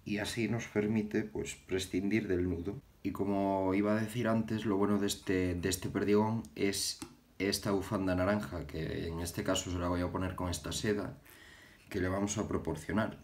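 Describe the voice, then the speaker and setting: A young man from Galicia hosting a casual fly-tying tutorial, talking haltingly and repeating words as he works with his hands at an indoor bench. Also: low-pitched, steady tone, darkish tone. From Galicia, Spain. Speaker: fly-tying channel host.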